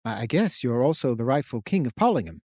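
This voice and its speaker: A man's voice: medium pitch, very animated, fast talker, a little mellow, dry recording, studio quality. A man voicing a grieving, angry young knight of an order, with a tense, raised delivery. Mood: bitter. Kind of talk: audiobook character voice.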